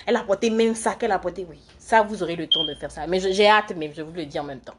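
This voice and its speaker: Against a noisy background, a young woman from Côte d'Ivoire talks quickly in a fairly low voice. The student streamer rambles through viewer comments on her livestream while working on her makeup.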